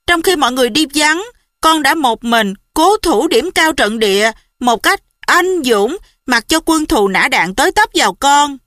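A woman's voice: high-pitched, expressive, measured pace, a bit bright, no echo, clean studio sound. A woman voicing a brave, jokey female pet dog, telling her tale in mock-heroic fashion in an audiobook. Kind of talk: audiobook character voice.

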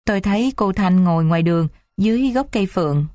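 A woman's voice: mid-range voice, expressive, quick pace, dark tone, no echo, studio quality, natural voice. A woman voicing a humble, deferential servant cook.

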